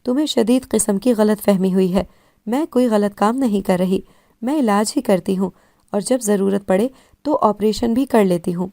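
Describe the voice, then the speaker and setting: Self-assured teen girl, calm explainer, soft dark tone; a woman narrator voices her. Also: medium pitch, dry recording, clean studio sound, close to an everyday voice. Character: confident fifteen-year-old girl running a clinic.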